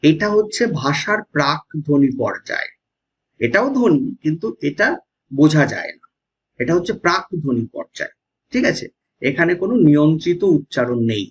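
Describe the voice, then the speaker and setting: Male exam-prep teacher with a West Bengal Bengali accent, husky and fairly high, keeps asking "okay?", muffled lo-fi audio. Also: big pitch swings, moderate pace. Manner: explanatory, often checks with "ঠিক আছে?". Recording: dull lo-fi sound.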